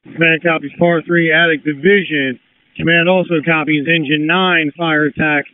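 Man, fire commander on two-way radio, clipped procedural talk, slightly higher voice, tinny sound. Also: fairly even intonation, moderate pace, clean tone, no room sound. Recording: narrow, faintly hissy radio audio.

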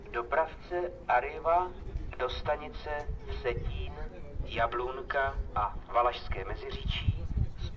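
A man's voice: mid-range voice, far from the mic, low-quality recording. A man making scripted railway station announcements in a formal, segmented delivery over an outdoor public address system. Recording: outdoor station loudspeaker, loud ambient noise. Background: loud railway station ambience.

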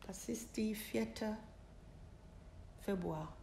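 Slow, halting middle-aged woman in a roomy space. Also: mid-range voice, vocal fry, dark tone, slight background noise. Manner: halting, searching for words in non-native German. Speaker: interviewee, mother of the host. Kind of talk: personal account in an interview. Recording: roomy sound with background music.

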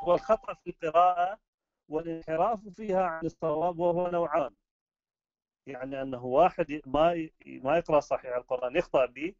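Iraqi man, lecturer, high voice, poses questions and answers them, dull recording. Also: no echo. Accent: Iraqi Arabic. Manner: explanatory, asks rhetorical questions and answers them. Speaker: lecturer in Quran recitation rules.

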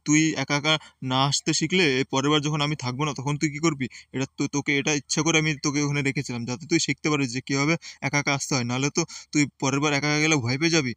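A man's voice: fairly high pitch, steady tone, rapid-fire, a bit bright, dry recording, clean studio sound, close to an everyday voice. [name], a man doing a bossy caring uncle. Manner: reassuring, lecturing, repeats "ঠিক আছে". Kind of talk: game play voice acting.

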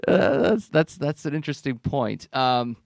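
A podcast host with a slightly high, gravelly voice and lively intonation talks at normal speed in a conversational discussion. He's close to a studio mic on an arm, wearing headphones, and the sound is dry.

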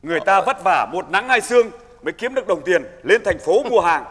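Old veteran street head, bright and animated, firm and commanding, stage reverb. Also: male voice, high-pitched, fairly quick. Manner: commanding, peacemaking.

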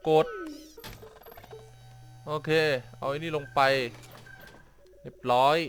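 A man's voice: a little high, fairly even intonation, drawn-out words, soft background music. A man giving casual commentary while playing a puzzle game, often puzzled and exclaiming at what happens on screen. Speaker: gameplay streamer.

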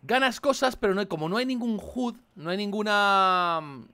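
A man with a Spain Spanish accent commenting on a game he plays, animated and swearing, with mock-dramatic outbursts. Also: high voice, moderate pace. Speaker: gaming video host. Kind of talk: casual gameplay commentary.

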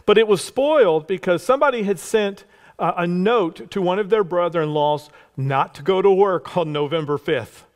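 Pastor guy preaching, pretty high voice, chatty storyteller w/ side jokes. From Texas. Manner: conversational storytelling with asides. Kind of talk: sermon. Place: church sanctuary.

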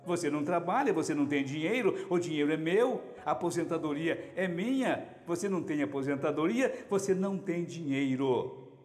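A man's voice: on the high side, expressive, normal speed, a little mellow, natural voice. A man voicing a bossy stingy older husband. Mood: scolding. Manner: scolding, repeating his orders. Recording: echoey hall with music underneath.

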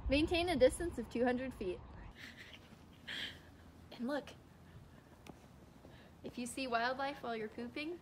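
A young woman with a fairly high voice talks through an outdoor how-to lesson in an upbeat, playfully deadpan way. She's outside in a backyard, picked up by a camera mic. A faint outdoor hush sits behind her. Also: measured pace, pauses often, noisy background. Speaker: outdoor skills instructor. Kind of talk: scripted instructional video.

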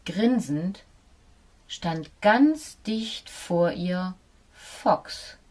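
A woman narrating a children's story in a calm, even way, with a fairly low voice. Her reading is measured and clear, in a storybook style.

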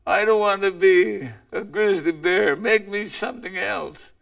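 A man's voice: sits high, a little slow, creaky, fairly bright tone, recorded from a distance, voice pushed up, heavily acted. Man voicing a whining hungry coyote. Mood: pleading. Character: hungry unhappy male coyote, complaining, wishful.

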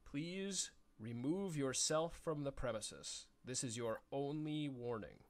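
A man's voice: medium pitch, takes it slowly. A man doing a cold robot security drone. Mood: warning. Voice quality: flat robotic monotone.

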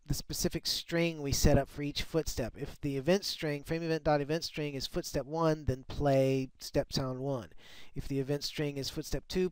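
A man walking through a screen-recorded software tutorial, often restarting and repeating words as he explains. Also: fairly high pitch, clean tone, no room sound. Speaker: software developer demonstrating his tool.

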